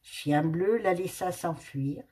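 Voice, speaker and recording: A woman reading a children's storybook aloud, expressive and unhurried. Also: fairly low pitch.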